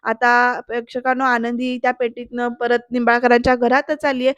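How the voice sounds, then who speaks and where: A woman's voice: fairly high pitch, flat delivery, brisk, a bit bright, clear, resonant tone, no room sound, dull audio. A woman narrating a casual voice-over recap of a TV serial, chatting directly to her viewers.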